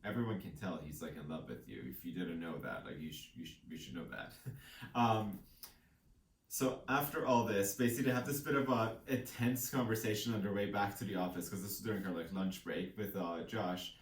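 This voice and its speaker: Co-hosting a casual book discussion show, a man with a low, slightly fast voice retells a story loosely and ramblingly, slipping in bits of quoted dialogue. The recording sounds echoey, with the microphone placed at a distance.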